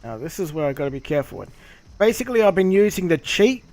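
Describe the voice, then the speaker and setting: A man streaming a game, chatting casually and explaining things with swearing and halting pauses. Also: a little high, very animated, darkish tone. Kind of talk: casual gameplay commentary and chat.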